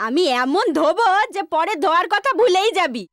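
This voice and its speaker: A woman's voice: very high voice, expressive, brisk, no echo, studio quality. A woman playing a sly, bossy female ghost posing as a sister-in-law in a comic horror film, brash and teasing. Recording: loud film music behind voice.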